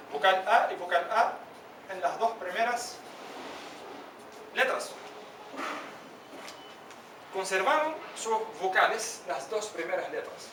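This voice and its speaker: A man teaching an Arabic lesson to a class, asking students questions by name and drilling pronunciation slowly. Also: high voice, bright, forceful tone, a little hiss or hum. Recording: echoey classroom from a distance.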